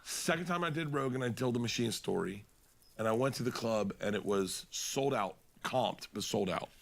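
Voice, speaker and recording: A comedian telling stories in casual podcast chat, rambling and animated, laughing and swearing as he goes. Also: mid-range voice, moderate pace, gravelly. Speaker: comedian guest.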